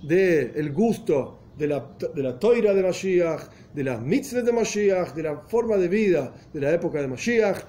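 A man's voice: fairly high pitch, expressive, unhurried, hardly any pauses, warm tone, slight background noise. Earnest man teaching a religious lesson. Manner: earnest, explains step by step, often restating and rephrasing. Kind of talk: explanatory lesson in Spanish with Hebrew and Yiddish terms.

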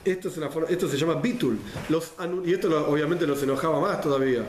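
A man's voice: on the high side, fast. A man with a Rioplatense Spanish accent giving a Torah class, explaining step by step, repeating phrases and mixing in Hebrew and Yiddish terms. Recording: roomy echo, faint background noise.

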